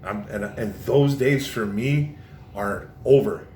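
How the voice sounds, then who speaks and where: A man's voice: slow, mellow. A man giving a passionate, repetitive casual sports rant as a vlogger, often tossing in "man". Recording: roomy echo, faint low rumble.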